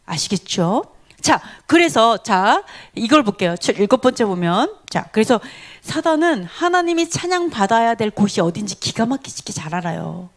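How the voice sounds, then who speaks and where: A woman giving a Bible teaching sermon, talking in an animated way and often asking her listeners questions. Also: on the high side, moderate pace.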